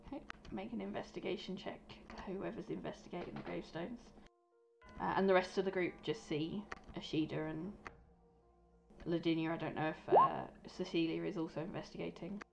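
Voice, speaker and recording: Woman, game master, lowish creaky voice, casual tabletop narration, faint music behind. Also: fairly even intonation, moderate pace, lo-fi sound.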